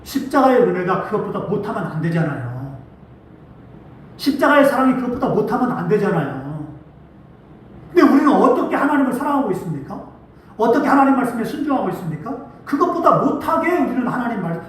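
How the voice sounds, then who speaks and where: Man, pastor, sermon, high voice, very lively pitch, echoey church, distant mic. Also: fast talker, a little hiss or hum. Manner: preaching with animated acted-out quotes. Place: church sanctuary.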